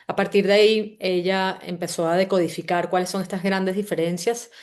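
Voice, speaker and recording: A woman's voice: fairly low pitch, fairly even intonation, normal speed, a little mellow. A woman from Venezuela with a Venezuelan accent hosts a live online book-summary session, talking in a welcoming, conversational way and often restarting her phrases. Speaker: host and company CEO.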